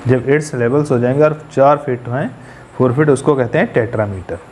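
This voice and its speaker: A man's voice: medium pitch, fairly quick, a little mellow, a little hiss or hum. A man teaching poetry as a class lecture, repeating key terms and putting questions to the students. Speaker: English teacher.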